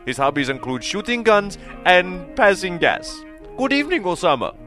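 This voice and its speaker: A man's voice: high voice, big pitch swings, normal speed, a bit bright, soft background music. A man playing a jokey, teasing Afghan dating-show host in a comedy sketch. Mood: jokey, upbeat. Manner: jokey, teasing, chuckling showman patter.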